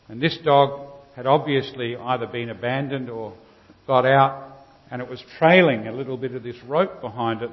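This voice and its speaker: Australian preacher in a long, echoing church reverb. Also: male voice, medium pitch. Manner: unhurried, pausing between short phrases. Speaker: Lutheran preacher. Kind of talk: sermon with storytelling. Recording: long cathedral-like reverb, slightly dull sound.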